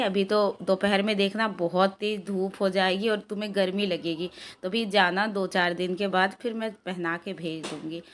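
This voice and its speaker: A woman in her thirties with a hoarse voice from a sore throat, narrating a casual cooking and daily-life vlog from her home kitchen in a chatty, rambling way. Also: medium pitch, a bit bright, slight background noise. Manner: chatty, rambling, frequent filler "ना". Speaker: vlogger and mother.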